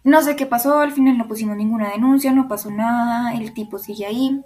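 A young woman with a Bogotá-area Colombian accent hosts a podcast, telling a personal story candidly and emotionally. Her voice is fairly high and warm, her pace a little fast, and her speech is full of fillers like "como" and "o sea."

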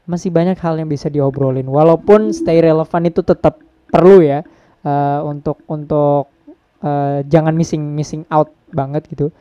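A man hosting a casual podcast, relaxed and mixing English phrases into his talk. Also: a little high, moderate pace, no echo, highs cut off. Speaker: podcast host.

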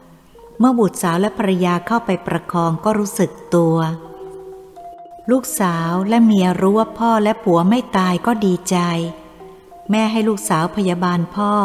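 A woman reading a story aloud in an even, measured storytelling manner. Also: on the low side. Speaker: audiobook narrator. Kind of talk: scripted story narration. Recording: long reverb with faint music.

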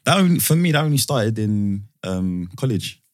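A man's voice: on the low side, sing-song, moderate pace, noisy background. A young man with a London roadman accent, chatting casually in street slang. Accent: London, urban street slang. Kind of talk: casual group chat.

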